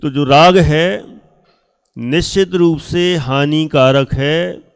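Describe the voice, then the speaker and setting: A man teaching a class of students, speaking slowly with emphasis, asking them questions and acting out things people say. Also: on the high side, smooth. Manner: acts out quoted speech of others.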